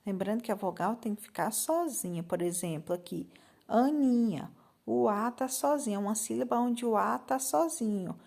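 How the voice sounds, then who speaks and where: A woman's voice: on the high side, animated, moderate pace, gravelly, a little mellow. A woman with a Brazilian accent, teaching a recorded Portuguese lesson to fifth graders, patiently spelling out letters and checking understanding.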